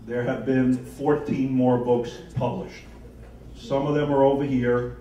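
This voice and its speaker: A man giving a lively talk at a publishing seminar, emphatic and folksy as he tells of his books and takes audience questions. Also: medium pitch, a little hiss or hum. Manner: enthusiastic, emphatic, boastful-but-folksy. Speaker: author and seminar speaker. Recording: roomy echo, distant from the mic.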